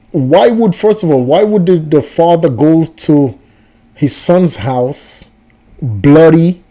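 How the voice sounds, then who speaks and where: A man's voice: fairly high pitch, warm tone. A man hosting a reaction video, giving rambling, skeptical commentary. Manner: skeptical, rambling, repeats himself. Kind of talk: casual commentary.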